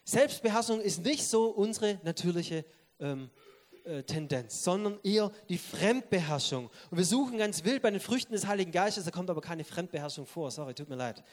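A man with a notably high voice preaches a sermon. He talks straight to his listeners, pressing hard on key words and then dropping to soft, quiet asides. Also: expressive, moderate pace. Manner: emphatic, addresses listeners directly; swings between loud stress and quiet asides.

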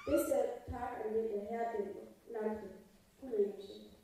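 A woman's voice: on the high side, steady tone, slow pace, mellow, a little hiss or hum. A woman reading as a commanding male prophet. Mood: reassuring. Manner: read aloud plainly. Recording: echoey hall, voice from a distance.

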